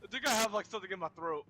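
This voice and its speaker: Excitable bright-voiced young man gaming. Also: sits high. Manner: excitable, laughs often, swears freely. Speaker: co-op gaming partner. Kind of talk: casual game-stream banter.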